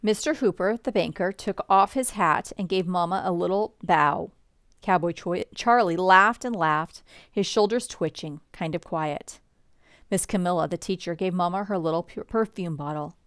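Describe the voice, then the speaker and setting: A woman reading a children's storybook aloud at bedtime, with expressive shifts for the quoted lines. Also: fairly low pitch, normal speed, no echo, clean studio sound. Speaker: storybook reader.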